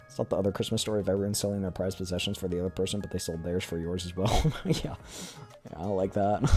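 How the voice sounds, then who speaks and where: A man's voice: deep voice, fast, a little mellow, soft background music. A young man streaming games, chatting casually and rambling with many fillers. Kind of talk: casual gaming chat.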